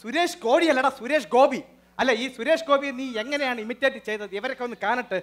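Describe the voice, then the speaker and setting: A man hosting a live comedy show, talking to the audience in a lively, bossy manner and lecturing his sidekick. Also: extremely high pitch, fast. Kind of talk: live stage comedy and mimicry.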